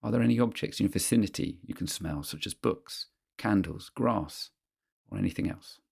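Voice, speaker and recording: A man with a low, heavily creaky voice leads a guided mindfulness exercise. His delivery is husky and measured, with pauses between short instructional phrases. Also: animated, a little mellow. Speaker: guide of a therapeutic grounding exercise.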